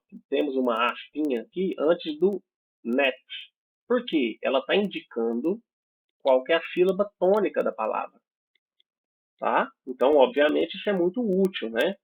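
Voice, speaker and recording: A Brazilian man with a slightly high, husky, expressive voice teaches an online English class, speaking unhurriedly with long pauses and a Brazilian Portuguese accent. He explains patiently and checks in often with "certo?" and "né?", and the audio sounds tinny, like a phone.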